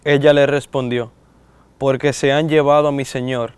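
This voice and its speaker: A man reading a Gospel passage aloud in a steady, measured way during a sermon. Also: medium pitch, smooth, no room sound. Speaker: scripture reader.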